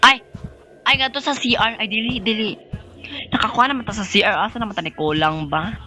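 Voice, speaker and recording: A man's voice: high voice, fairly quick, pushed and bright, faint music behind. Shrieking, sassy gaming streamer man. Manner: sassy and campy, with sudden shrieks. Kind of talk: horror game commentary.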